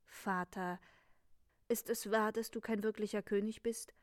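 A woman's voice: mid-range voice, fairly even intonation, unhurried, no room sound, clean studio sound, lightly acted. Earnest young prince in a fairy tale, read by a woman narrator. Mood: indignant.

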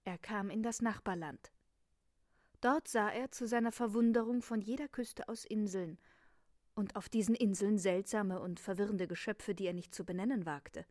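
Female narrator, measured scripted reading, mid-range voice. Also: mid-range voice, darkish tone, no room sound, clean studio sound.

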